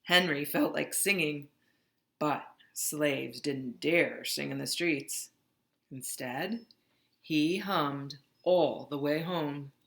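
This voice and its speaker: A woman reads a children's picture book aloud as a storybook narrator, unhurried and dramatic. Her low-pitched voice is crisp-edged and bright, and her reading is expressive.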